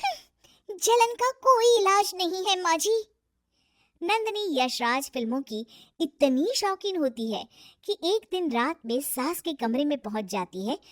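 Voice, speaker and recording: Casting: woman narrator for a cartoon story, high voice, slow and measured. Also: dry recording, studio quality.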